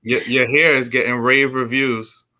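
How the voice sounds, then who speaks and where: A man's voice: mid-range voice, level tone, unhurried, crowd noise. A man co-hosting a casual chat, joking and reading out viewer comments. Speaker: co-host.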